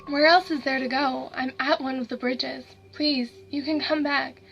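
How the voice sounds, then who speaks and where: A woman's voice: high voice, fairly even intonation, measured pace, vocal fry, a bit bright, muffled recording, soft background music, heavily acted. A woman voicing a frightened young boy who whimpers and pleads with his brother. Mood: pleading.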